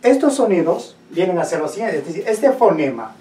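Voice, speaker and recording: A teacher giving a classroom lecture on phonetics, speaking deliberately and often stopping to ask the students if they follow. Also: mid-range voice, big pitch swings, dark tone. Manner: slow, deliberate, checks understanding with questions. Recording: echoey room, voice from a distance.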